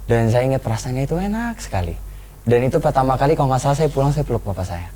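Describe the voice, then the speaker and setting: Young male guest, mellow dark tone, reflective, restarts often, faint background hiss. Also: mid-range voice, sing-song, poor audio. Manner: earnest, reflective, halting with restarts. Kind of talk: personal storytelling in a talk show.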